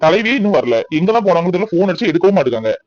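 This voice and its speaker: Cartoon: impatient male collector voiced by a man, quick and high, muffled dry sound. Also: sing-song, dry recording. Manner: brisk, demanding. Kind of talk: cartoon voice acting. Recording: dull lo-fi dry recording.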